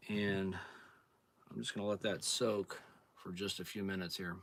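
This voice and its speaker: An outdoors channel host with a low, hoarse voice talks through a job at normal speed, clearing his throat now and then. It's a casual hands-on demonstration, and he's relaxed and plain-spoken, thinking aloud as he works.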